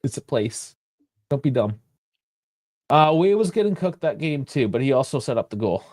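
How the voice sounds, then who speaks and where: A man's voice: medium pitch, big pitch swings, moderate pace, a little mellow, dry recording. Blunt man trashing a referee. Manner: blunt, dismissive, profane. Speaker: podcast co-host. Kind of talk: casual sports chat.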